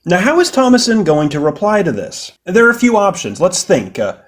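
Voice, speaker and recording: A man's voice: high-pitched, very animated, fairly quick. A man delivering a sarcastic, mocking film critique as a video essayist.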